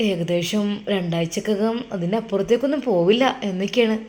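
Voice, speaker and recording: A calm, dutiful young son, as a woman storyteller voices him. He reassures his mother in an even, steady way and offers practical answers. His tone stays gentle and level. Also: mid-range voice, a little fast, lightly acted. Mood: calm reassuring.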